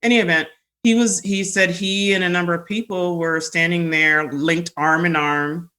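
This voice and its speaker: A woman guest on a podcast, telling stories in a rambling, animated way and laughing often. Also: on the low side, normal speed. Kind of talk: casual storytelling conversation.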